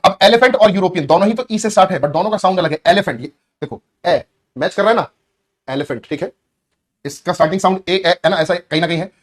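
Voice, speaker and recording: Male teacher, classroom lesson; fairly high voice, rapid delivery, keeps quizzing the class. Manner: explains patiently, often asks the class questions. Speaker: English teacher.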